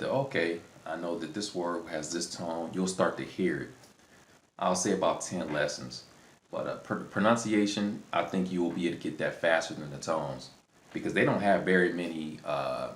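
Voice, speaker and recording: A man's voice: rumbling low, fairly even intonation, normal speed. A man hosting a language-learning video, giving casual unscripted advice in a rambling way, often repeating and rephrasing himself. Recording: roomy echo, faint background noise.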